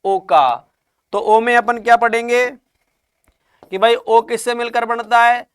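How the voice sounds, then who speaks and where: A man teaching a class in a high, clean voice. He asks questions and answers them himself, and stretches out each sound to demonstrate it. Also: steady tone, takes it slowly, a bit bright, clear, resonant tone. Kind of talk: classroom lesson.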